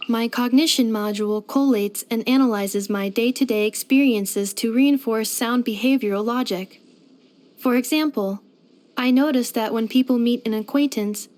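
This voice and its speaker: An actress voices a polite, helpful female robot maid companion for a video game, delivering scripted lines in a high voice at a moderate pace. She sounds earnest and curious, formal, precise and literal-minded, using clipped system-report phrasing and staying unfailingly polite. Her tone is a little mellow and close to an everyday voice.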